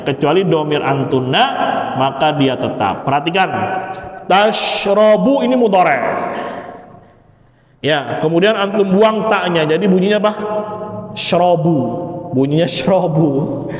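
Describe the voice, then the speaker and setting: Man, grammar teacher, mosque lecture, higher voice, echoey hall, playful asides. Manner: explanatory, joking asides, rising emphasis. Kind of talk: classroom lecture. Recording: echoey hall with long reverb.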